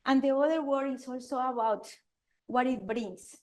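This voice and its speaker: Speaking before an audience at a lecture venue, a woman architect presents at a conference in a high voice with a Colombian Spanish accent; Spanish is her first language. She comes across as earnest but halting, full of restarts and fillers.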